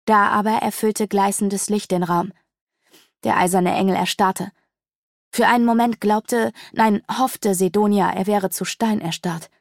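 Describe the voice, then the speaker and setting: A woman reads fantasy narration in a measured, expressive way, her voice carrying a steady gravelly texture. The recording is dry and close, with no room sound. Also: mid-range voice, no echo. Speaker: audiobook narrator.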